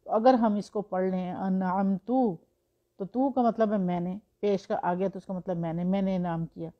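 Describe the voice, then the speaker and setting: A woman's voice: medium pitch, steady tone, dull audio. Patient woman teaching religious recitation. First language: Urdu. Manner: patient, explains with examples and rhetorical questions. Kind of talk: explanatory religious lesson.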